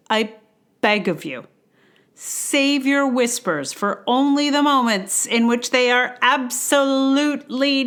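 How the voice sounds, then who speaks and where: A woman with a stage background talks through her thoughts in a casual vlog. Her delivery is wry and expressive, and she sounds amused by her own points. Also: fairly high pitch. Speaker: theater performer and commentator.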